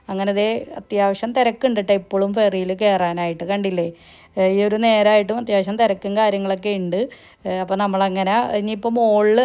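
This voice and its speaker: Kerala malayalam woman doing a chatty travel vlog, really quick talker, throws english words in. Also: mid-range voice, mellow, clear, resonant tone. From Kerala, India. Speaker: travel vlogger. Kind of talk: casual vlog narration.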